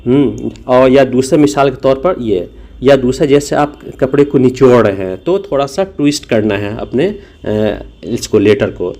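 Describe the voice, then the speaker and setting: A man's voice: mid-range voice, darkish tone. A man teaching a language lesson, explaining patiently and demonstrating sounds. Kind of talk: spoken lesson.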